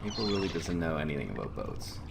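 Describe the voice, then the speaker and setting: A man's voice: very deep voice, sing-song, quick pace, vocal fry, a little hiss or hum. A man casually commenting while playing a game, rambling with lots of fillers. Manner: rambling, filler-heavy reactions. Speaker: let's play host.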